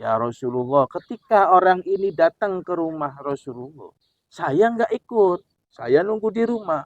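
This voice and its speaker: A man's voice: high voice, expressive, moderate pace, dry recording, voice pushed up. A man voicing a humble sickness spirit that plainly explains that it was sent to test a believer's faith. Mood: deferential. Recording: dull, dry recording.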